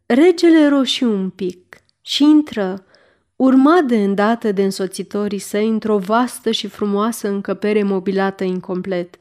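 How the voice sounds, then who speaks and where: A woman narrates a historical adventure novel in audiobook form. Her reading is measured and expressive, giving each scene its weight. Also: medium pitch. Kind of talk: scripted narration.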